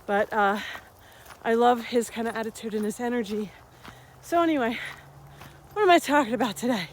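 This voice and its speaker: A woman in her fifties, a vlogger and health coach, chats while hiking up a rural trail, slightly out of breath. Her voice is a bit higher, her speed normal, and she tells animated stories with laughs amid light outdoor noise.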